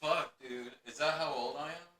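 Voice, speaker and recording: A man's voice: a little high, moderate pace, distant mic, crowd noise. A man in his twenties in casual podcast chat, laid-back, swearing and using lots of fillers. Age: 20s. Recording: roomy echo from off mic.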